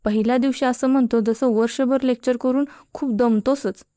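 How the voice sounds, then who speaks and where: A woman's voice: on the high side, fairly even intonation, normal speed, warm tone, no room sound, clean studio sound, close to an everyday voice. Teasing young college guy, as a woman reads him. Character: teasing, encouraging young male college student.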